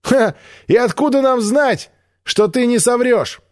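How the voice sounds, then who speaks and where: A man voicing a fierce, commanding young nomad woman, calling out loudly in an audiobook reading. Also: very high voice, animated, unhurried, voice pushed up. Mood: mocking. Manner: shouting across distance.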